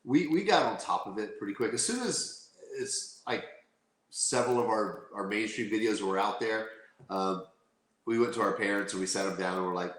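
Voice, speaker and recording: Guy guesting on an interview, kinda low voice, rambly, roomy echo. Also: animated, moderate pace, fairly bright tone. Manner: rambling, with restarts. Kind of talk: casual interview chat.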